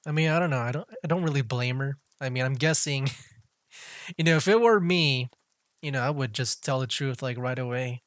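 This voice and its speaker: A man's voice: mid-range voice, moderate pace, dry recording, clean studio sound. A man commenting casually on a story game as he plays, with frequent fillers and laughs. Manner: chatty, full of fillers and laughs. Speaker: gaming streamer. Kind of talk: casual let's-play commentary.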